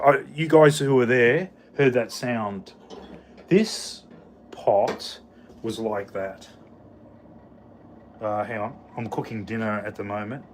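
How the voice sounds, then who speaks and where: Cooking live in his kitchen at home, an Australian livestream host chats casually with his viewers in a medium-pitched voice. There's a little hiss or hum, and his talk rambles with fillers and restarts.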